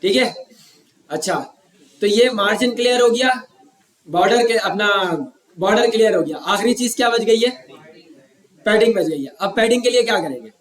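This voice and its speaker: A high-voiced man with a sore, scratchy throat teaching a class from Pakistan. He keeps prodding students with questions and teases them when they stay quiet. His voice comes from some distance in a roomy classroom. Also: moderate pace, long pauses. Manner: teasing, keeps asking the class if they follow. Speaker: web development instructor. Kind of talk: classroom lecture.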